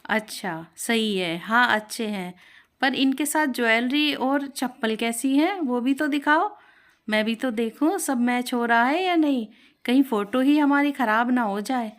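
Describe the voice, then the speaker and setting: A woman's voice: on the high side, animated, a little slow, voice pushed up. A woman voicing a vain, bossy older mother-in-law who talks in a snappy, scolding way. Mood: fussy.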